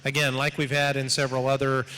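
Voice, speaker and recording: A man giving measured, explanatory spoken commentary to an audience as a livestock show judge. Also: mid-range voice, completely flat delivery, pushed and bright. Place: large indoor show arena. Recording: echoing hall over PA, background noise.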